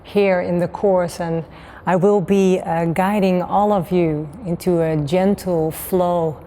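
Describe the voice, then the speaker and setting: Calm, low, mellow female yoga teacher giving gentle instructions. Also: slow pace, slight background noise. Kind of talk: guiding a class.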